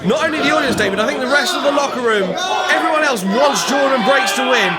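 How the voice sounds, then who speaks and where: A man working as a wrestling commentator, calling live play-by-play in an urgent, emphatic shout. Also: extremely high pitch, animated, fast. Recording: loud crowd and music behind. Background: cheering crowd, loud music.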